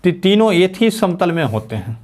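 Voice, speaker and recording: A man teaching a school physics lesson, dictating slowly, repeating phrases and asking and answering his own questions. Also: sits high, big pitch swings, a little mellow.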